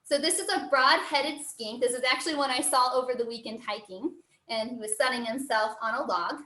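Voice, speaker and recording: Casting: American woman, cheerful zookeeper type teaching kids online, high-pitched voice, roomy echo. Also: brisk, pushed and bright. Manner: cheery, encouraging zookeeper manner. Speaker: zoo educator. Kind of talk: live online lesson for children. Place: indoor room, online video call. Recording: roomy, echoing sound.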